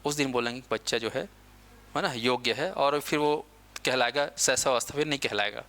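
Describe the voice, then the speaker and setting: Fairly quick, bright and forceful at medium pitch, this male teacher delivers a lecture with some English words mixed in. He answers his own questions to the class and goes back over key points.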